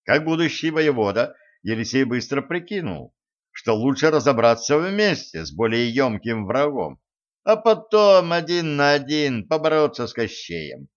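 Male audiobook narrator, brisk lively storybook reading, dull lo-fi sound. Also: mid-range voice. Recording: dull lo-fi recording.

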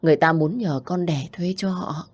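A woman's voice: on the low side, normal speed, darkish tone, breathy edge. A woman voicing a desperate middle-aged mother in debt, who pleads with her daughter in a tearful voice. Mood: coaxing.

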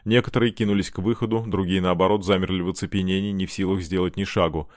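A man narrates an audiobook in a measured, dramatic manner. His voice is low and the sound is close and dry, with no room around it. The reading is steady scripted narration. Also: dry recording.

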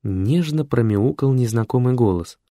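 Man narrating an audiobook, theatrical, animated, fairly high voice, dry. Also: normal speed, no echo. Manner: lively, theatrical. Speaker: audiobook reader.

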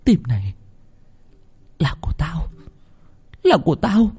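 A man's voice: fairly high pitch, wildly swooping pitch, takes it slowly, a little mellow, slightly rough, voice pushed up, full character voice. A man voicing a possessed young woman who snarls in a frenzied, possessive way.

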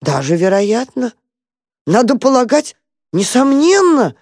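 A reader voicing an old gentleman mole, pompous yet kindly and easily moved to tears, in a storybook reading. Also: mid-range voice, big pitch swings, unhurried, no echo, studio quality, pitched above the performer's own voice. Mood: excited.

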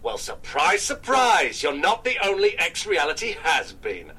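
A woman voicing a curt female agent leaving a scornful voicemail, lower and slower than her own voice. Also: huge pitch swings, bright, forceful tone, breathy edge, full character voice. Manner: blunt, scornful.

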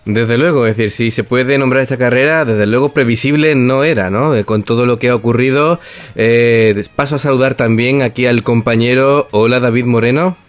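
A man from hosting a casual sports talk show, speaking haltingly with frequent filler sounds. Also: mid-range voice, dry recording. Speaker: podcast host. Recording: music bed behind the voice. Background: music.

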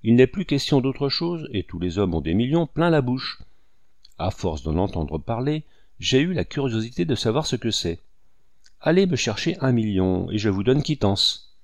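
A man voicing a blunt, gruff army colonel who speaks brusquely and gives orders, in an audiobook reading. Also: medium pitch, sing-song, normal speed, no room sound. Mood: impatient. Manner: brusque, commanding.

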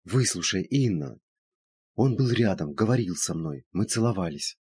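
A man's voice: sits low, lively intonation, normal speed, a little mellow, breathy edge, exaggerated voice. A man voicing an anxious widowed woman who speaks in an earnest, pleading way. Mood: insistent.

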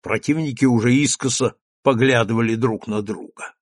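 A man narrating a literary story as an audiobook reader, expressive and measured. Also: mid-range voice, no room sound, clean studio sound.

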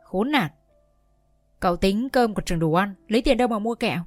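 Một người phụ nữ đọc lời một bà cụ già đang khóc lóc van xin. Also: female voice, medium pitch, lively intonation, normal speed, dry recording, faint music behind, natural voice. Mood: begging. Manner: begging, plaintive. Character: old woman, tearful and begging.

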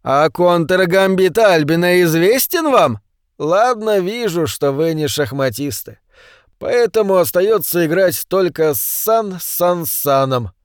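A man's voice: lively intonation, a little slow, clear, resonant tone, no room sound, clean studio sound. A man voicing a fat, childish middle-aged man who babbles and pleads in a whiny voice. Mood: chattering. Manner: whiny, high-pitched, babbling.

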